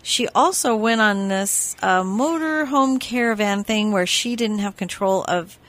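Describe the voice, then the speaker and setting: A woman co-hosting a casual radio show, telling stories in a chatty, animated way and often breaking into giggles. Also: mid-range voice, measured pace.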